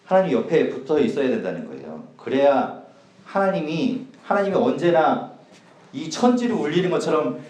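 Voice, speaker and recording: A man gives a casual sermon to young adults, chatting and joking with them, his voice mellow and his pitch rising and falling in lively swings. It is picked up from some distance in an echoey church hall, with faint noise behind. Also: moderate pace. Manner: chatty, jokes with the audience, swings loud and soft. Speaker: youth pastor.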